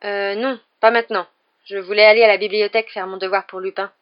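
A reader voicing a teenage boy wizard who speaks in a brisk, awkward way. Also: medium pitch, flat delivery, dull audio, natural voice.

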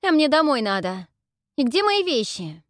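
A woman voicing an indignant young heroine who shouts back in exasperation, in an audiobook reading. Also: high voice, very animated, slow pace, no room sound, clean studio sound, pitched above the performer's own voice, exaggerated voice.

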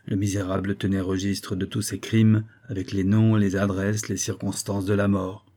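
Male audiobook reader, dark and husky, steady expressive narration. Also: fairly low pitch, moderate pace. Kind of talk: scripted narration.

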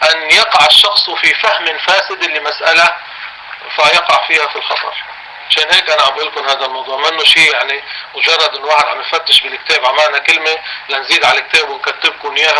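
A man with a Levantine Arabic accent giving a religious lesson in class. He reads a text slowly, explains it in everyday words and asks his students questions. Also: fairly high pitch, background noise. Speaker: religious teacher.

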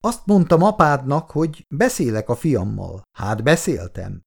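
A man's voice: medium pitch, sing-song, creaky. A man voicing a bossy, self-satisfied older family friend in a read-aloud story, talking in a hearty, boastful way.

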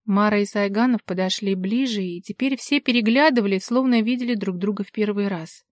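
A woman reading a novel aloud as narrator, measured and steady. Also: mid-range voice, no room sound, studio quality. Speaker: audiobook narrator. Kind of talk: scripted narration.

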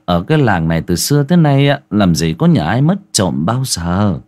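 A man's voice: fairly low pitch, sing-song, normal speed, darkish tone. A man voicing a curious village crowd, murmuring speculation among themselves. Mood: speculating.

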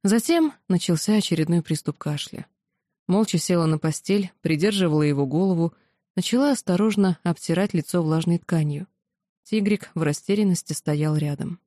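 Woman reading an audiobook, low mellow voice, dry close sound, steady pace. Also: moderate pace, dry recording. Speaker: audiobook narrator. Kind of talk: first-person audiobook narration.

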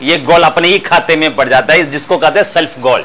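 A man's voice: on the high side, brisk, sharp tone, a little hiss or hum, low-quality recording. A man teaching philosophy in an explanatory lecture style, repeating phrases and asking rhetorical questions.

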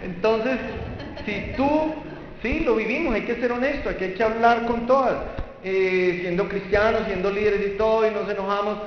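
A man preaching a lively sermon, talking straight to the audience and acting out what people say. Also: high-pitched, moderate pace, background noise. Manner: animated, acts out quoted voices, addresses audience directly. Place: large echoing hall or church at a conference. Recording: very echoey hall, dull sound.

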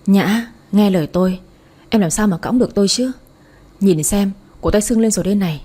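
A woman reading the part of a wounded young man in an audiobook story, gentle and insistent, with a warm, breathy tone. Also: medium pitch, fairly quick, lightly acted. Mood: gently insistent.

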